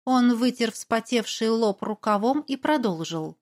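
A woman's voice: a little high, animated, unhurried, a little mellow. A woman giving a tense, dramatic first-person audiobook narration.

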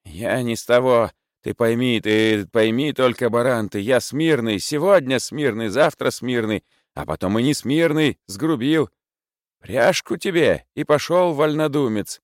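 A man voicing a sick, frightened old miser in a storybook reading, muttering and rambling in halting phrases. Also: mid-range voice, no room sound, clean studio sound, pitched above the performer's own voice, close to an everyday voice. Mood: agitated rambling.

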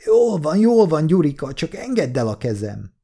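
A man reading an audiobook, voicing a skinny young man in a leather jacket who squeals in a high falsetto. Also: very animated, vocal fry, warm tone, husky, heavily acted. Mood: whining. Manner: squealing falsetto when pleading.

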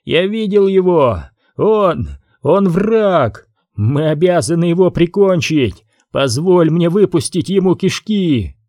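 A man voicing a crazed, vicious teenage boy who shrieks and yells in a frenzy. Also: high-pitched, big pitch swings, extremely slow, no echo, studio quality, pitched above the performer's own voice, heavily acted. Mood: raving. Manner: shrieking, frantic yelling.

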